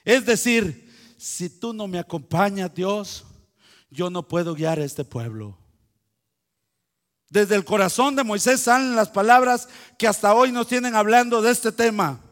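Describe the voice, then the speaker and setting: A man's voice: high voice, unhurried, fairly bright tone. A man preaching a sermon, speaking animatedly and directly to his congregation. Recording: long hall reverb.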